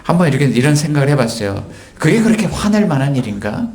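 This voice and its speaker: A man preaching a sermon as pastor, telling stories and acting out quoted lines with sudden jumps in pitch. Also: very animated, fast talker, darkish tone. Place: church sanctuary. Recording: echoey church hall.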